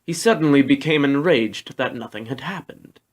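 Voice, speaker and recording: Reading a storybook script aloud as a narrator, a man speaks at normal speed with a typical middle pitch, much like an amateur audiobook.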